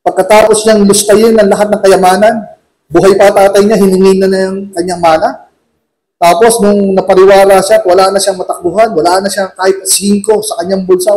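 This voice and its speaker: A man with a Filipino accent giving a humorous church talk in a chapel, acting out shouting couples. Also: high voice, low-quality recording. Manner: jokey, acts out shouting couples. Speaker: lay preacher.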